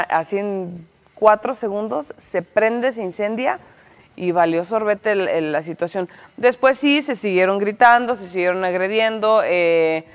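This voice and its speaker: A woman's voice: mid-range voice, in a large hall. A woman with a Mexican accent giving casual, opinionated commentary on a reality show, chatty with many restarts. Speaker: entertainment commentator.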